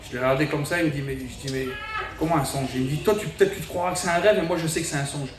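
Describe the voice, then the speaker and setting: A man's voice: on the high side, very fast. A man giving his testimony in church, telling his story and quoting himself and others as he goes. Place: large tent meeting. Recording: echoey tent, mic from a distance.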